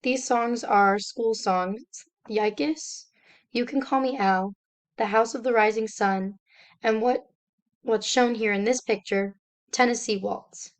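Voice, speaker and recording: A young woman, a student, reading a slide presentation aloud in a steady, step-by-step explanatory way. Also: on the high side, takes it slowly.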